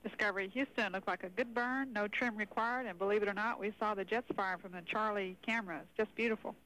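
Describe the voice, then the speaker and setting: A woman's voice comes over a distant two-way space radio link as she answers the crew from mission control. She talks fast in short, admiring replies, with a bright, forceful edge to her tone. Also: mid-range voice, fairly even intonation, slight background noise. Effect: distant two-way space radio transmission. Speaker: mission control capsule communicator. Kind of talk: air-to-ground mission radio calls.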